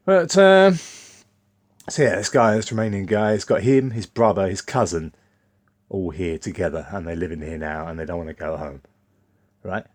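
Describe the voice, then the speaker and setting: Man, very low voice, blunt, rambling vlog talk, dry recording. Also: fairly quick, a little mellow, no room sound. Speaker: vlogger. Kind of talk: casual monologue.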